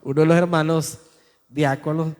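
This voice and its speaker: A man's voice: a little high, level tone, moderate pace, a little mellow, in a large hall. A male pastor preaching a sermon, telling a story in a conversational way and speaking straight to his listeners.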